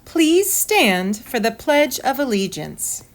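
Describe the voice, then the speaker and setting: A woman gives a school intercom-style announcement. She recites formally and very slowly, with deliberate phrasing and a pitch that rises and falls widely. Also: sing-song.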